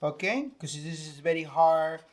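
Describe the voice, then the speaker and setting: A man with a fairly high, expressive voice speaks at a moderate pace in English with a Venezuelan Spanish accent. He's a chef from Venezuela walking through a recipe step by step in a casual cooking demo, using lots of fillers.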